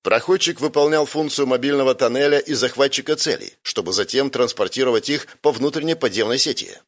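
A man voicing a calm male AI inside a combat suit, speaking in flat, clipped reports. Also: mid-range voice, a little fast, pitched above the performer's own voice, natural voice. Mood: clinical.

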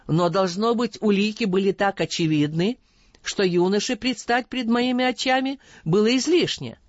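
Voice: mid-range voice, moderate pace, dry recording, lo-fi sound, close to an everyday voice. A reader doing a stern, commanding caliph. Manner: stern, questioning. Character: stern just caliph, older man, commanding. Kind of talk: audiobook reading.

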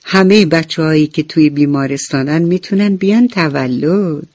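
Woman playing a gentle, kind nurse. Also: sits low, dry recording. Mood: tender. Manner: gentle, soothing. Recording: dull radio recording with faint music.

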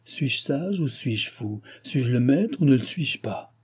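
A man reading an audiobook and voicing an irritable, self-pitying aging king who complains in exasperated outbursts, with a husky voice. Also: mid-range voice, sing-song, takes it slowly, a little mellow, exaggerated voice.

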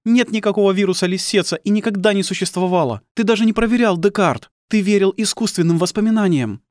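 A man's voice: high-pitched, fast, no echo, clean studio sound, pitched above the performer's own voice, close to an everyday voice. A man voicing a cold, bitter wife and grieving mother who hurls accusations at her husband in an audiobook. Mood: accusing. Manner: icy and accusing.

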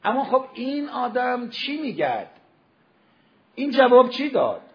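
High gravelly man preaching. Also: big pitch swings, muffled recording. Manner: storytelling, acts out quoted voices, rises to emphatic peaks. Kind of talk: Ramadan sermon. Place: religious gathering hall.

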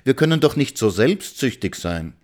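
A polite, earnest woman who urges others to do the sensible thing and persuades them calmly. A male narrator puts her on a few steps above his own low voice while reading a storybook. She sounds sincere rather than shrill. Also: normal speed, close to an everyday voice.

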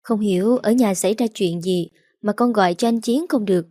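A woman's voice: mid-range voice, a little fast, warm tone, no echo, clean studio sound, lightly acted. Woman reading as an anxious young wife.

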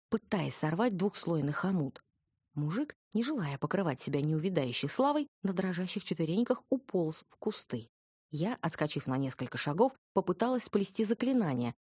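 A woman's voice: lowish voice, a little mellow, husky, no room sound, studio quality. A woman narrating a first-person fantasy audiobook in a wry, ironic manner.

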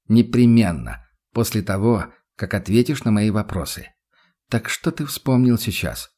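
A man voicing a calm, stern male investigator who questions in a level, insistent voice. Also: on the low side, measured pace.

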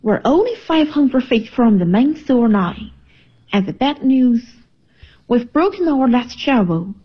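A bossy little penguin commander, voiced by a student in a dubbing exercise, barking clipped orders in a high, lively voice. The playback sounds muffled and lo-fi. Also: female voice, unhurried, breathy edge, heavily acted. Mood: commanding. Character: brisk bossy penguin leader giving orders.

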